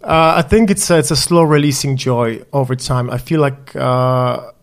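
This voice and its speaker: With a steady, medium-pitched voice carrying some vocal fry, this man from Poland, whose first language is Polish, talks at a normal speed. Appearing as a photographer guest, he responds to interview questions in English with thoughtful, wry self-deprecation.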